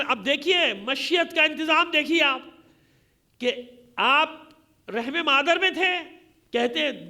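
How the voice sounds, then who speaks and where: A Pakistani man delivers an impassioned majlis sermon in a very high-pitched, sharp voice. He preaches in a combative, declamatory style, leaning on rhetorical questions and emphatic repetition.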